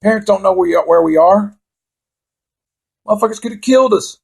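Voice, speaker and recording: A man's voice: sits high, brisk, vocal fry, husky. A middle-aged man telling a rambling, heavily profane story from his youth, laughing at himself as he goes. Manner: rambling, heavy swearing, laughs at own story.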